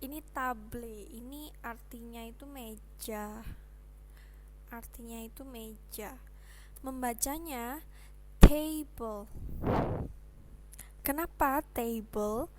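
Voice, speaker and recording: A young woman teaching English pronunciation in a casual online lesson, explaining slowly and patiently with chatty asides. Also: on the high side, a little hiss or hum.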